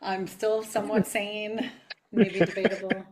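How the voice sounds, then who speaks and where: A woman's voice: mid-range voice, flat delivery, measured pace, a loud crowd. Playful woman hosting an interview. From New York. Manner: playful, self-deprecating. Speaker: podcast host.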